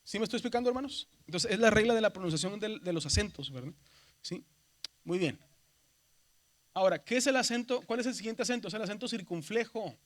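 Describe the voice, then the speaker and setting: A man's voice: sits high, expressive, brisk, fairly bright tone. A middle-aged man teaching Greek pronunciation in a seminary classroom. He explains patiently and keeps checking that the class follows. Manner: explains patiently, often checks understanding with "verdad". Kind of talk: classroom lecture.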